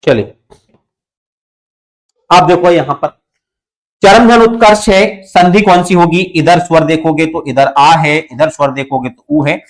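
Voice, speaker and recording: A man's voice: on the high side, measured pace, pauses often. A young man teaching a Hindi grammar lesson for exam students, explaining step by step, repeating key points and asking his students questions. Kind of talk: online exam-prep lesson.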